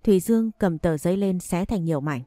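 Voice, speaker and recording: A woman narrating an audio story in a steady, even storytelling manner. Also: fairly low pitch, fairly quick, no echo, studio quality, faint music behind.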